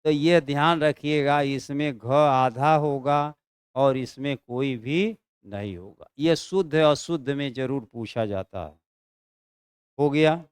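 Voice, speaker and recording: Man dictating a Hindi class slowly. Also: mid-range voice, clear, resonant tone, no echo, clean studio sound. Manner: dictates slowly, drawing out and repeating words; checks in with students often. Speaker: teacher. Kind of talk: online exam-prep Hindi class.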